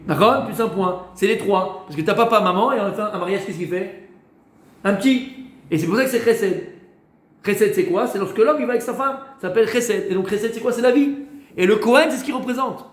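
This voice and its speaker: High-pitched rabbi guy teaching a class, lots of "euh", echoey room. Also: a little fast. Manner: asks questions and answers them himself; hesitant fillers and repeated words. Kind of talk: Torah class to students.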